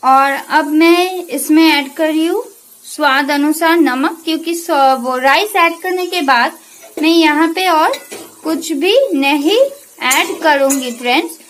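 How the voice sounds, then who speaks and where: Brief: woman, home cooking host, high voice, unhurried friendly explaining. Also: fairly bright tone, poor audio. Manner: chatty, addresses viewers as friends. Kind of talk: casual cooking tutorial. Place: home kitchen.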